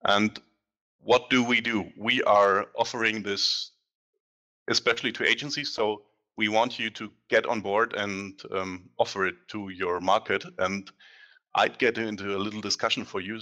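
A German man presents a casual product demo at an online meetup, talking through a headset in a dim indoor room before a large screen. His voice is bright yet lowish, with fairly even intonation, and he speaks conversationally, correcting himself and pausing often with "um."

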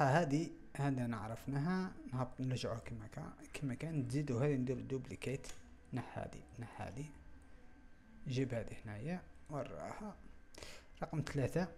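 A young man with an Algerian Arabic accent hosting a software tutorial, thinking aloud in a halting way and muttering to himself as he works. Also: mid-range voice, a little hiss or hum. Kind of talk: screen-recorded software walkthrough.

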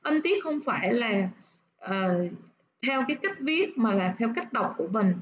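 A woman teaching nursing English, explaining step by step and repeating words slowly to show where the stress falls. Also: a little high, sing-song, highs cut off, a little hiss or hum.

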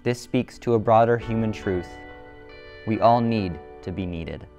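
A man reading a scripted documentary narration in a measured, serious way. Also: lowish voice, darkish tone, soft background music.

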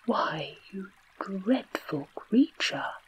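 A woman with an English accent voicing a gruff but tender-hearted male tiger in a low unvoiced whisper, as whispered role-play. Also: animated, extremely slow, slight background noise, exaggerated voice.

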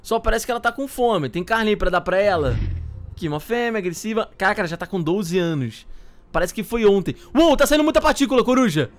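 A young man hosting a gaming channel, chatting excitedly and joking with his co-player during gameplay. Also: sits high, fast talker. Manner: animated, exclaiming, joking with co-player.

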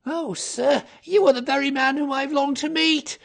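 A man's voice: high-pitched, moderate pace, a bit bright, voice pushed up. A man voicing a cringing, nervous little man in a storybook, with a whining, quavering delivery. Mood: eager, pleading. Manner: agitated, pleading. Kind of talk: audiobook character voice.

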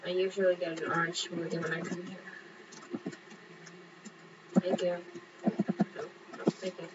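A young woman casually narrates her own gameplay, chatting to herself and other players in a lowish, flat voice at a slightly slow pace. The dull, lo-fi mic picks up a clear background hum.

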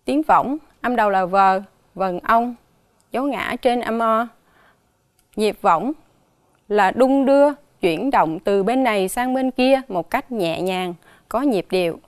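Woman teacher with a Southern Vietnamese accent, fairly high voice, slow and careful as she spells out sounds for children, dry close recording. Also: expressive, dry recording. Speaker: primary school teacher. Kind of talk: dictation lesson for children.

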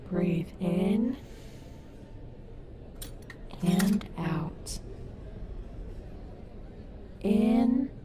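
A woman playing a caring, sassy robot wolf animatronic in an ASMR audio roleplay, soothing and reassuring with a wry streak. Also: fairly low pitch. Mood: calming. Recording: noticeable background noise.

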